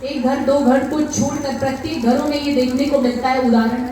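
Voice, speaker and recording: A woman's voice: sits high, steady tone, moderate pace, warm tone, a little hiss or hum. A woman preacher with a North Indian Hindi accent, giving an impassioned devotional sermon full of rhetorical questions. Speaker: katha preacher. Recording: echoey PA sound from far off.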